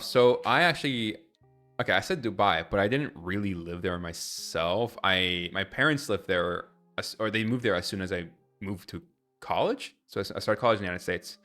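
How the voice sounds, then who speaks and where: A man's voice: lowish voice, normal speed, sharp tone, faint music behind. A young man from Ecuador chatting candidly on a live stream, rambling and correcting himself as he answers viewers. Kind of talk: casual live-stream chat.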